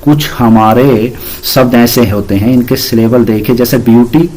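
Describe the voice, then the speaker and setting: A man's voice: mid-range voice, steady tone, measured pace, darkish tone. A man teaching an English grammar lesson, patiently explaining rules and spelling words out letter by letter.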